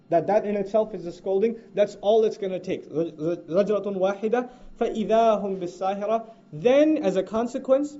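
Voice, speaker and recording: High-voiced fast-talking man teaching Quran. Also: dark tone. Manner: recites Arabic verses rapidly, then explains in English. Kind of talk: explanatory lecture on Arabic grammar. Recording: dull lo-fi recording.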